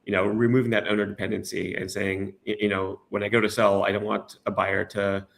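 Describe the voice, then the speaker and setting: A middle-aged man from the United States talks as a guest in a relaxed interview. His voice is low and steady, with a gravelly edge. He hesitates often, restarting his sentences. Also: a little fast. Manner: hesitant, many restarts and fillers. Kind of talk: casual interview.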